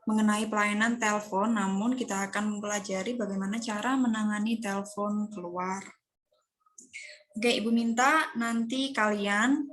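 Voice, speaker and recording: A woman's voice: mid-range voice, fairly bright tone. Female teacher over faintly noisy video call. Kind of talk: online class lesson. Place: online Zoom meeting.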